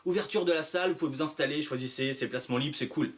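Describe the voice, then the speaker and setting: Higher-pitched man, magician's showman patter. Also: fast talker. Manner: animated showman patter, addressing the audience with rhetorical questions. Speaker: magician promoting his show. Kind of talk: playful promotional video address to viewers.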